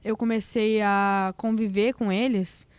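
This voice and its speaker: A woman with a southern Brazilian accent from Rio Grande do Sul, a podcast guest telling her personal faith story in lively storytelling fashion. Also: mid-range voice, unhurried, smooth, dry recording. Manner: lively storytelling, acting out quoted voices.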